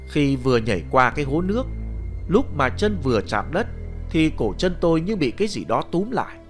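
A man telling a ghost story in the first person, his voice rising and falling in a lively way and sitting a little high for a man. Soft music runs under the narration. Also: a little fast. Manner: animated storytelling, shouting the boy's cries.

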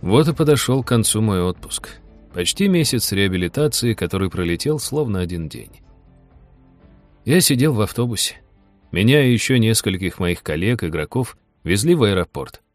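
A man narrating a first-person audiobook in an even, steady storytelling manner. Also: on the low side, normal speed, soft background music.

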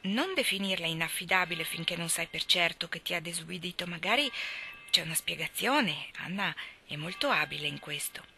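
A woman voicing a gentle, hesitant older man. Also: fairly low pitch, animated, a little fast, vocal fry, a little hiss or hum, full character voice. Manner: hesitant, soft-spoken.

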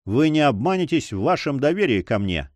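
A man's voice: medium pitch, big pitch swings, fairly quick, lightly acted. A man voicing a commanding pirate leader who rallies his brothers in an audiobook. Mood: rousing.

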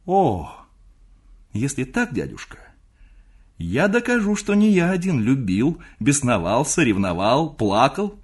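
A man reading aloud, voicing an excitable young nephew who pleads and teases in a raised, eager voice. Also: a little slow, husky. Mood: excited. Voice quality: eager, pleading, high-strung. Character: excitable young man, teasing his uncle.

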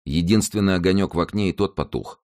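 A man giving expressive, dramatic audiobook narration in a measured way. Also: sits low, no room sound, clean studio sound.

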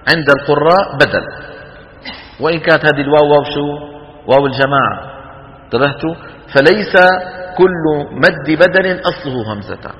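Guy teaching tajweed, bright sharp voice, keeps asking the class stuff, echoey hall. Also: on the high side, brisk, long pauses, highs cut off. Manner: lively, asks the class questions and demonstrates long vowels. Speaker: Quran recitation teacher. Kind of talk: classroom lecture. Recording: hall with long reverb.

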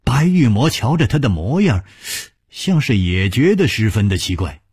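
A man telling a martial arts tale in traditional oral storytelling style, dramatic and husky. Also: big pitch swings, darkish tone, dry recording, clean studio sound. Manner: dramatic, drawn-out delivery with sudden high exclamations.

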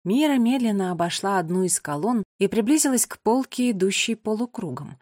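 A woman's voice: mid-range voice, animated, fairly quick, a little mellow, no echo, clean studio sound. Woman narrating a children's audiobook.

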